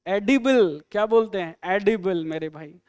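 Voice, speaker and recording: In a live online exam-prep class, a male English teacher fires quick questions at his students and cracks jokes. His voice is high, a little mellow, clear and resonant, and the recording is dry.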